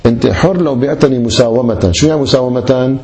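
Brief: man, mellow tone, lecturer on Islamic law who keeps putting questions to his class and answering them himself. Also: mid-range voice, quick pace. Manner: addresses listeners as brothers, poses and answers his own questions.

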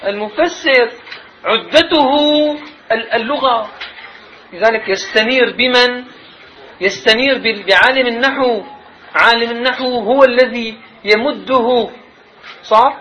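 High-voiced teacher, questioning. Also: male voice. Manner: questioning, drawn-out emphasis on key words. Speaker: Arabic grammar and rhetoric teacher. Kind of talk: classroom lesson. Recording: slightly dull sound, faint noise.

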